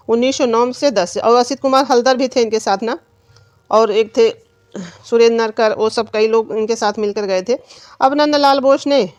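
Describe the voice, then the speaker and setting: A woman's voice: fairly high pitch, darkish tone, dry recording. A woman teacher giving an exam-prep lesson, asking questions and answering them herself. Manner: repetitive quizzing, asks and answers own questions.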